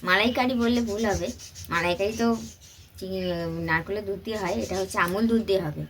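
A woman's voice: mid-range voice, fast talker, fairly bright tone. Chatty West Bengali woman vlogger, faint noise. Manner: chatty, addresses viewers with questions. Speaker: home vlogger. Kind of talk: casual chat to viewers while doing household chores. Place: at home, mostly in the kitchen.

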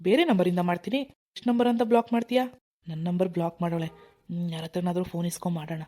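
A woman's voice: on the low side, steady tone, very fast, dark tone, voice pushed down, natural voice. A woman voicing a bitter, vengeful ex-husband in a village cartoon, muttering threats. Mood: spiteful. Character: spiteful vengeful ex-husband, adult man.

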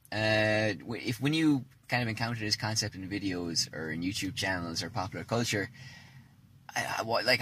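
A man's voice: fairly low pitch, pushed and bright, slightly rough. A man co-hosting a podcast in casual, jokey chat, rambling with many fillers and restarts. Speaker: podcast co-host.

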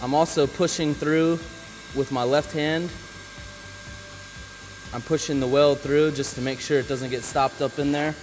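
Relaxed man talking while he works. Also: fairly high pitch, unhurried, a little hiss or hum, rough recording. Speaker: flooring installer. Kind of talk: casual on-the-job demonstration. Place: indoor work floor.

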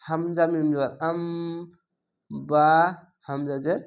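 Male Quran tutor, measured syllable-by-syllable drills, slightly high, crisp tone. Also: little pitch movement, a little mellow. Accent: Bangladeshi Bengali. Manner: spells syllables letter by letter, drawls long vowels. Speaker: Quran reading teacher. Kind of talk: slow spelled-out recitation lesson.

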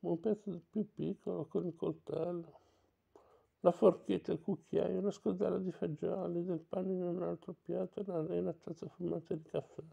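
A man narrating an audiobook with a gravelly voice. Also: high-pitched, little pitch movement, normal speed, mellow, lo-fi sound.

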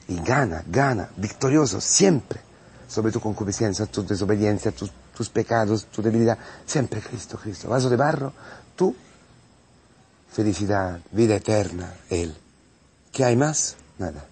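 Husky priest preaching. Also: male voice, fairly low pitch, darkish tone. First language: Italian. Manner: impassioned, repetitive, halting with many restarts. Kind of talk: homily on the daily Gospel.

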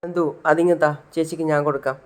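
Man doing a gentle coaxing aunt. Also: fairly high pitch, fairly even intonation, fast, clean tone, close to an everyday voice. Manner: soothing, coaxing. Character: gentle soothing middle-aged aunt.

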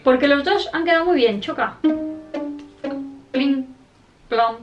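A playful young woman with a Spanish accent talks in a high, bright voice, chatting casually to young viewers. Background music plays clearly under her voice. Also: lively intonation, brisk, dull audio. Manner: playful, chatty, addresses kids. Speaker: youtuber. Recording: music playing behind.

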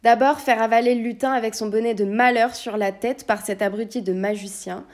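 A woman voicing a furious, panicky knight who shouts in outrage, in a storybook reading. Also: fairly high pitch, fairly even intonation, fairly quick, close to an everyday voice. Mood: raging.

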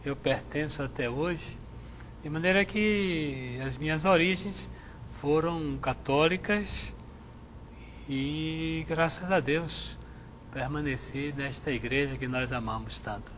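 A middle-aged man, a Jesuit priest from Salvador, answering interview questions in a measured, reflective way on a lapel mic in a TV studio. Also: fairly high pitch, a bit bright, slight background noise. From Salvador, Bahia, Brazil. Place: TV studio with chapel set.

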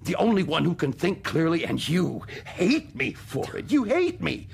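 A man's voice: on the high side, wildly swooping pitch, moderate pace, creaky, husky, exaggerated voice. An actor playing a tormented, paranoid man in a radio drama, intense, volatile and bitter. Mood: anguished. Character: Ted, paranoid, tormented male survivor who narrates.

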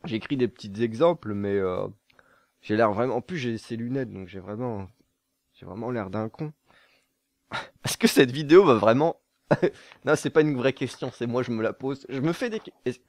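A man's voice: mid-range voice, dry recording. A young man from southern France answering viewer questions to camera in a casual, jokey way, laughing at his own jokes and stumbling over fillers.

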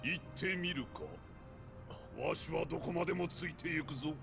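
An actor playing an old king and sworn guardian in a video game, speaking gravely in archaic old-man speech. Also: on the high side, moderate pace. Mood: resolute. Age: older. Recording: music playing behind the voice.

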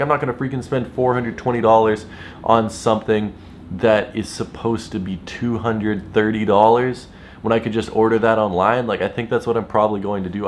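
A tired young man vlogging casually, ranting in a frustrated, animated way to his viewers. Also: lowish voice, slight background noise. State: tired, worn out. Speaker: sneaker vlogger. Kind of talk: casual vlog talk to camera. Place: store, then hotel room.

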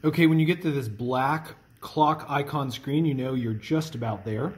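A man's voice: medium pitch, moderate pace. A man hosting a tech tutorial, explaining step by step in a friendly, plain way while working a phone on camera.

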